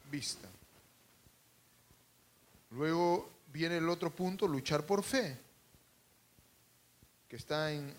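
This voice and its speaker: A man preaching a sermon to a congregation, calling out for responses, adding humorous asides, and swinging between loud and hushed. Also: fairly high pitch, slight background noise. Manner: calls out to the congregation and asks for responses. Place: church service.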